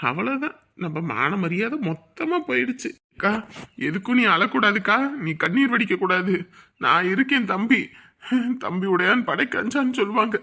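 A man's voice: high voice, expressive, normal speed, vocal fry, pushed and bright, full character voice. A man playing a fretful brother and husband in a comedy sketch, muttering asides and crying out in alarm.

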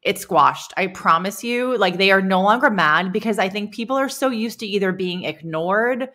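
A woman's voice: mid-range voice, expressive, normal speed, sharp tone. A woman guest on a podcast, a brand founder and author, giving earnest, emphatic advice in casual chat and acting out bits of dialogue.

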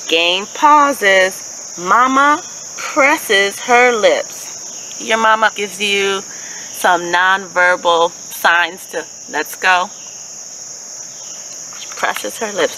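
Outdoors in a leafy park, a Haitian American woman in her thirties hosts a children's story time, reading a picture book expressively and asking the young listeners questions in an animated, well-enunciated way. Her voice is medium-pitched and the audio is poor. Steady ambient noise from insects, birds and the outdoors runs underneath.

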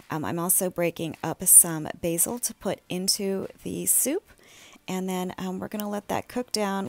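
A woman in her thirties giving a casual, chatty cooking voice-over, relaxed and easygoing. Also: fairly low pitch, creaky. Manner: relaxed, chatty, with fillers and small laughs. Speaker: home cook vlogger.

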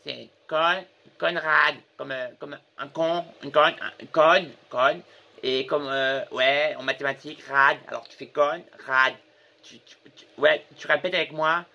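A man's voice: fairly high pitch, fairly even intonation, measured pace, creaky, pushed and bright, heavily acted. A man voicing a fussy adult man who stammers as he keeps correcting how his name is said. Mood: insistent.

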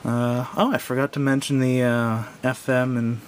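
A man with a flat delivery and moderate pace handles a product and reviews it casually, unscripted, in a hesitant, meandering way, often correcting himself. It was recorded at home, noisily and with low rumble, indoors at a wooden table.

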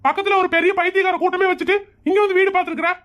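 A woman's voice: very high-pitched, level tone, rapid-fire. A woman voicing a short-tempered young man in a cartoon comedy, scolding his nosy neighbours. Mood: angry. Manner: scolding, shouting.

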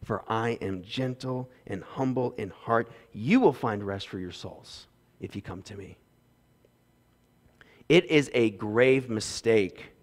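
Animated preaching man, lively pitch. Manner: earnest preaching, swinging between loud emphasis and quiet asides. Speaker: pastor. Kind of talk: sermon. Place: church stage with windows behind. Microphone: headset mic.

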